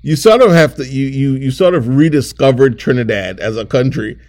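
A man hosts an interview show. He reads a scripted intro, then talks with a guest in a lively, looser way, repeating words as he shapes his questions. His voice sits in the middle range. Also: mid-range voice, brisk. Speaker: show host.

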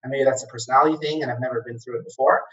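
This guest, a former franchise operator born in Egypt and brought up in Kuwait, talks through the start of his career in a casual interview. His medium-pitched voice is steady and fairly bright, yet he speaks very fast and hesitantly, with many fillers and restarts, over distant, dull lo-fi sound.

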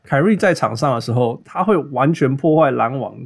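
A man's voice: mid-range voice, lively intonation, moderate pace, vocal fry. A man with a Taiwanese accent chatting casually about sports as a host, switching between Mandarin and English mid-sentence and repeating phrases for emphasis. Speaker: podcast host.

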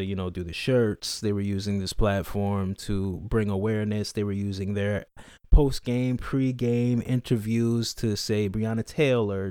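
Laid-back man thinking aloud, low voice. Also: dark tone, no room sound, studio quality. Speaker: podcast co-host. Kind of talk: casual chat.

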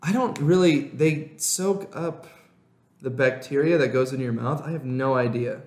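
A man's voice: mid-range voice, moderate pace, a little mellow. A young American man chatting casually as a podcast co-host, in a rambling, slangy way. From Illinois, United States. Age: young adult. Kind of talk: casual chat. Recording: roomy echo.

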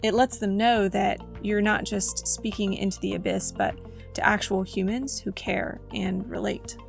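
Faint music plays behind a woman with a scratchy, gravelly voice as she reads her own story from a script on a faith podcast. She speaks a little slowly at a medium pitch with fairly even intonation, sounding earnest and reflective.

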